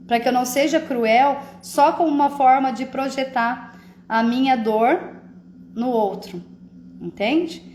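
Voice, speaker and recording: A woman's voice: fairly high pitch, a little mellow, reverberant, a little hiss or hum. A woman hosting a live stream, talking casually about emotions and often checking that listeners follow. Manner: conversational, often asks "entende?".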